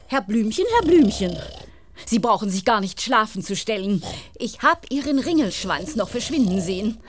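An actress playing a brisk, strict but amused hospital nurse in a children's audio drama, firm and knowing. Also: female voice, medium pitch, lively intonation, a little hiss or hum, lightly acted. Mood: scolding, amused.

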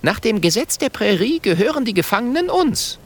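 A man's voice: big pitch swings, a little fast. A man voicing a brave, eager young girl archer who speaks firmly. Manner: high, firm and bright.

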